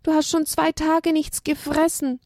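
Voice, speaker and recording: A woman's voice: sits high, little pitch movement, unhurried, a little mellow, no echo, studio quality, voice pushed up. A woman voicing a small young animal in a children's story, pleading and tearful.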